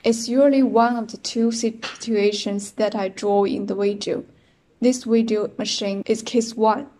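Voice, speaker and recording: A young woman with a Chinese accent works as a product demonstrator, reading numbered machine setup steps in an instructional voice-over. Her voice is fairly high and warm, with a steady tone and an unhurried pace, and she counts through each step plainly and methodically.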